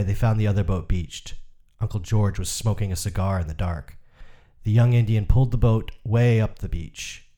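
Deep-voiced man reading a story. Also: warm tone. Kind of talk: scripted literary narration.

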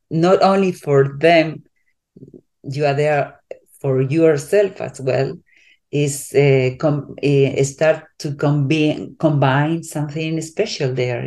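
A woman from Spain with a Spanish accent, a coach being interviewed, speaking haltingly and searching for English words with many restarts. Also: low voice, fairly even intonation, darkish tone. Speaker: coach, guest. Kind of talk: casual interview talk.

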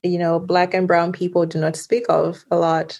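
A woman's voice: fairly low pitch, little pitch movement, moderate pace, darkish tone. A woman from Zambia hosting an interview, asking questions in an encouraging way with lots of fillers. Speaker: interviewer, host. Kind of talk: conversational interview.

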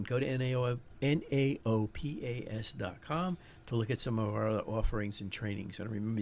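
A man's voice: medium pitch, vocal fry, darkish tone, a little hiss or hum. A man with a New York accent hosting a podcast, giving an informal lecture as he searches for his words. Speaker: podcast host.

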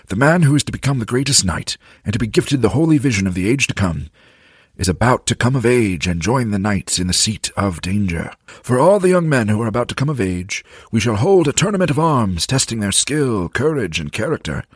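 A man voicing a solemn old male wizard, proclaiming gravely with a breathy voice. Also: mid-range voice, very animated, brisk, no echo, clean studio sound.

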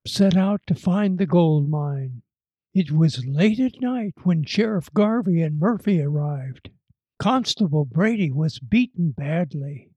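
A man telling a frontier tale aloud in a dramatic, lively storytelling manner. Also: high-pitched, no room sound. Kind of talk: told tall tale.

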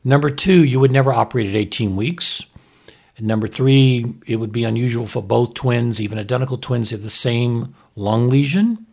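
A fetal surgeon hosting a casual podcast breaks down a TV episode's medical points, keeping it conversational and checking understanding with "right?" His mid-range voice is expressive, gravelly and a little mellow, delivered at normal speed.

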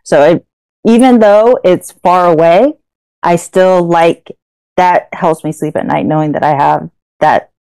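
A woman's voice: lowish voice, a little slow, vocal fry, dark tone, smooth, no room sound, poor audio. A young adult woman co-hosting a podcast, talking casually with lots of fillers and restarts. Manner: chatty, with frequent fillers and restarts. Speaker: podcast co-host.

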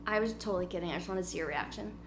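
Speaking rapid-fire in a voice on the low side, a podcast host in her twenties chats casually at home ahead of a party. She's bubbly and giggles as she rambles, over a noisy recording marked by electrical hum.

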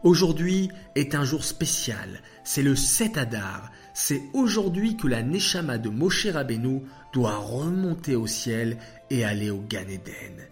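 A man voicing a calm, kind divine figure who speaks in a measured, gentle way. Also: medium pitch, soft background music. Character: calm, kind divine voice addressing angels and a prophet.

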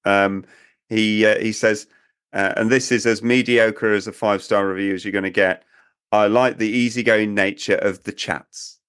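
Podcast co-host, male, low-pitched, dry studio sound, easygoing and laughing. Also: fairly even intonation, normal speed, a bit bright, clear, resonant tone, dry recording. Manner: laughs often, reads out listener messages. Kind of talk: casual chat.

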